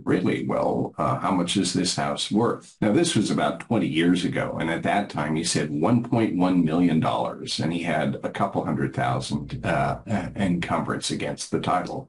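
Low-pitched male lawyer, storytelling talk to camera, quotes clients. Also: low-quality recording. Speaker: bankruptcy lawyer. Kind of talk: casual explanatory talk to camera.

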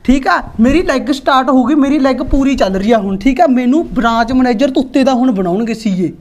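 A woman with an Indian Punjabi accent playing a boastful, scheming middle-aged village husband who bickers with rapid comebacks. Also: high-pitched, darkish tone, close to an everyday voice. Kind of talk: comedy skit acting.

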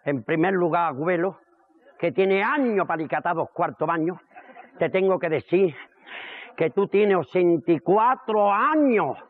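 A male comedian voicing a cheeky young grandson who scolds his grandfather in a drawn-out, mock-stern way. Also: high voice, expressive, no room sound, pitched below the performer's own voice. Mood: scolding. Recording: dull old TV recording with audience laughter.

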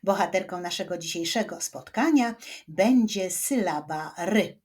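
A woman with a Polish accent teaching children to read, sounding out each syllable clearly. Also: lowish voice, lively intonation, unhurried, darkish tone. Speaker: reading teacher. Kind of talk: children's reading lesson.

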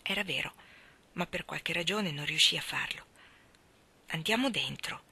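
A woman narrating a story aloud in a measured, expressive way, often dropping to a near whisper. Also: low voice, creaky, slightly rough. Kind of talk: storybook reading.

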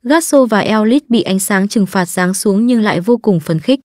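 A woman narrates an anime recap from a script at an ordinary middle pitch. She keeps a brisk, lightly joking storyteller's tone. The recording is close and dry, with no room sound. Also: darkish tone, no room sound.

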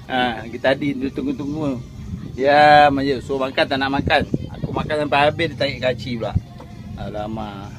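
A man giving excited, chatty commentary on his catch from a small open boat, filmed on a handheld phone. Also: medium pitch, moderate pace, low-quality recording. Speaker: angler filming his fishing trip. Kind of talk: casual running commentary.

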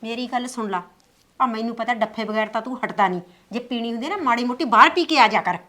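Picture a stern village matriarch, played by a woman, her voice set high, who turns from gentle coaxing to fierce scolding and threats. She is middle-aged, caring toward her family, and sharp-tongued toward her son. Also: fast talker. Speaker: mother and mother-in-law. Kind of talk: village family drama acting.

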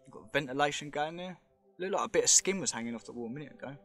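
Filming with a handheld camera deep in a show cave, this male vlogger talks very fast in a fairly high, slightly bright voice while faint music plays behind him. His commentary is chatty and meandering, full of guesses and things he points out.

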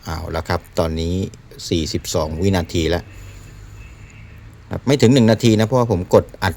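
Male product demonstrator, lowish voice, casual delivery, faint background noise. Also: animated, moderate pace, a little mellow. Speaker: radio seller demonstrating a product.

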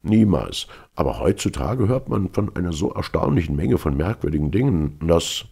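An older sailor holds forth with great certainty, as a man puts him on, his very deep voice gravelly. He lingers over every rumor like a gossip with a story in this storybook reading. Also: sing-song, moderate pace, mellow, full character voice. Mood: gossipy. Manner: assertive, storytelling.

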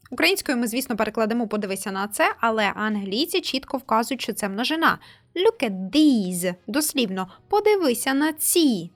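A woman hosting an English lesson, slowly modelling words and sounds for her viewers to repeat. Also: on the high side, fairly bright tone. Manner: slow, careful pronunciation drills. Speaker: English teacher, channel host. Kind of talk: scripted language lesson.

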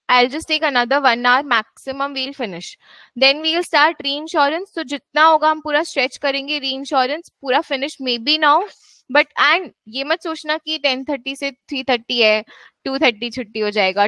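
A woman's voice: high voice, bright, forceful tone, no echo. A woman tutor giving a classroom lecture, mixing Hindi and English, with firm asides to her students. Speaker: actuarial exam tutor.

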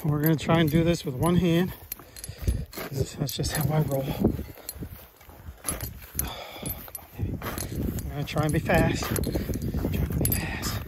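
Chatty man outdoors in loud wind. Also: a little high, fairly even intonation, normal speed, pauses often. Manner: chatty, upbeat, talks to viewers while working. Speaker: metal detecting vlogger. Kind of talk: casual running commentary while digging. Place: outdoors in a rural field by an old cellar hole.

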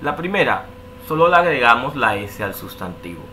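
A man's voice: mid-range voice, very animated, normal speed, pushed and bright, a little hiss or hum. A man teaching an online language lesson, patiently walking through rules and checking in often with a questioning "ok". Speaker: English teacher.

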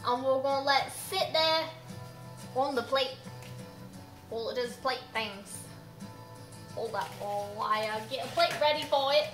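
A woman's voice: sits high, a little slow, pauses often, a bit bright, faint music behind. A young woman chatting casually to camera as she cooks, tipsy, goofy and rambling, in a roomy kitchen. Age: young adult. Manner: tipsy, loose and goofy, rambling, breaking into song. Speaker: cooking vlogger. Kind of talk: casual chat to camera while cooking. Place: home kitchen. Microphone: camera on the counter, about arm's length or further.

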